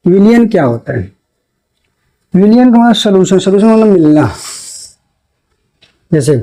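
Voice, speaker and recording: A man teaching a chemistry lesson for board exams, posing questions to the class and answering them himself, repeating key terms slowly. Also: a little high, mellow, poor audio. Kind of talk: classroom lecture for board exam.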